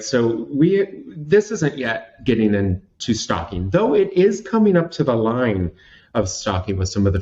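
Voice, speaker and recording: The Washington State man in his thirties, a guest in conversation, shares a candid personal anecdote with theatrical self-mockery and frequent restarts. His mid-range voice has a darkish tone, and the sound is lo-fi.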